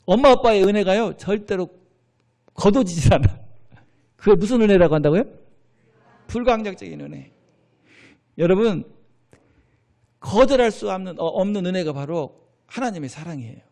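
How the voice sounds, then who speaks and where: Male pastor, middle-aged, lively high-pitched sermon voice with questions thrown to the pews. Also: moderate pace, gravelly, long pauses. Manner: animated preaching with call-and-response questions to the congregation. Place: church sanctuary.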